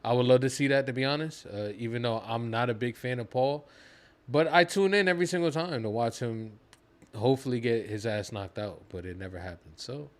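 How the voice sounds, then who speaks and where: A man's voice: mid-range voice, brisk. Laid-back, cussing man on a stream. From United States. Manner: laid-back, casual, swears freely. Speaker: podcast co-host. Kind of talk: casual live-stream chat.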